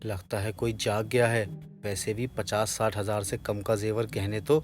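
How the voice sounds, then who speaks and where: A man voicing a clumsy, nervous house thief who mutters to himself in an animated story. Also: on the low side, normal speed, soft background music, natural voice. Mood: sneaky.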